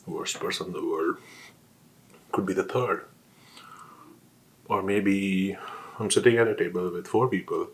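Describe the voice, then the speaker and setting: Low-voiced man rambling with his mouth full. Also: poor audio. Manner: talking while eating, mouth sometimes full; rhetorical questions answered by himself. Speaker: vlogger. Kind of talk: casual opinion rant, talking to himself.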